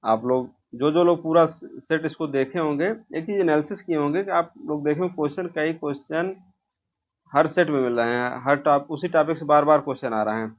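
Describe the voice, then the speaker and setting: A man with a fairly high voice speaks at a moderate pace, giving an informal exam-prep lesson where he poses quiz questions and answers them himself. The recording sounds dull and muffled, with a lo-fi quality.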